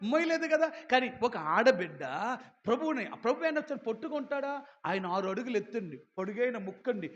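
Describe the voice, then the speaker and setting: High-pitched telugu preacher guy, really animated, dull lo-fi sound. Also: brisk. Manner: animated preaching, acts out voices, calls to the congregation. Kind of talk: Telugu sermon.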